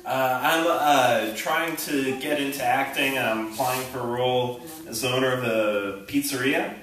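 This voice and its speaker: A young man doing a halting, rambling stand-up set, full of ums and self-interruptions, on a small theater stage. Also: medium pitch, steady tone, a bit bright, a little hiss or hum. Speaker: stand-up comedian. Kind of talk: open-mic stand-up set. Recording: echoey room recording from a distant camera.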